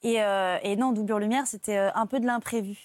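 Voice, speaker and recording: A woman's voice: mid-range voice, brisk, no room sound, clean studio sound. A woman from France, an actress and stand-in, telling her stories as a talk show guest with many fillers. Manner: lively storytelling with many fillers.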